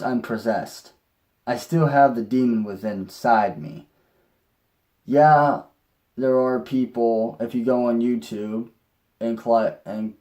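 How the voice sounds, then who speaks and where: A young man tells a personal story to camera at an unhurried pace. His voice is dark and mellow. He rambles, restarts his sentences and swears now and then. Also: mid-range voice. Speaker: vlogger.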